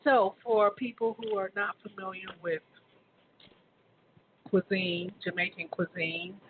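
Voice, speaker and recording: A woman with a mid-range voice speaks unhurriedly as a show host interviewing a business owner. Her questions are casual, with frequent hesitant restarts. The line sounds tinny and phone-like, with a faint hiss.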